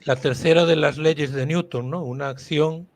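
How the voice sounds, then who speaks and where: A man hosting a live-stream talk, relaxed and jokey. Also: a little high, normal speed, vocal fry. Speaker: host.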